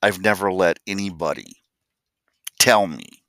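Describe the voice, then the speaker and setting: This personal story comes from an older Columbus, Ohio man who vlogs, speaking bluntly and folksily while doing the voices of the story's characters. His voice is low, unhurried and a bit bright, in a dry recording.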